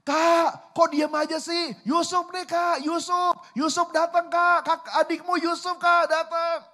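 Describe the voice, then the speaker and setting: A man voicing an excitable young boy who yells at his older brothers and pesters them, with a whiny, boastful tone. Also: mid-range voice, a little slow, slightly rough, pitched below the performer's own voice. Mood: shouting eagerly.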